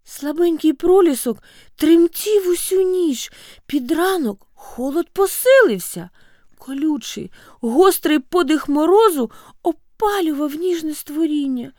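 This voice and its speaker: A woman narrating a storybook tale in an expressive way, with sweeping pitch. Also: unhurried, dry recording, clean studio sound. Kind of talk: storybook reading.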